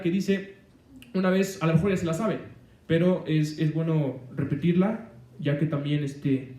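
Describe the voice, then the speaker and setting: A man's voice: a little high, warm tone, reverberant, far from the mic. A man preaching a sermon on the weekly Torah portion, rambling, with many fillers and restarts.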